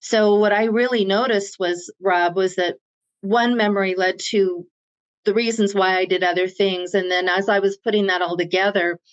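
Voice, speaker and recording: Speaking at a moderate pace with a mid-range voice and fairly even intonation, a self-empowerment coach explains her ideas as an interview guest. The talk is conversational, and her delivery is earnest and coaching.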